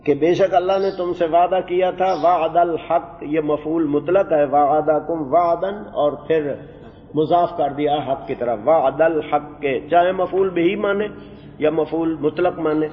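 A man's voice: a little high, a little hiss or hum. Man teaching Quran grammar in a reverberant hall. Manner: recites Arabic verses slowly, then explains in quick Urdu. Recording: dull recording with long hall reverb.

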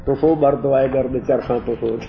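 A man teaching a class on Quranic Arabic. He explains the grammar at length, wanders off topic, and recites verses slowly. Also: mid-range voice, steady tone, gravelly. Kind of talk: classroom lecture on scripture and grammar. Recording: muffled lo-fi classroom recording with faint hiss.

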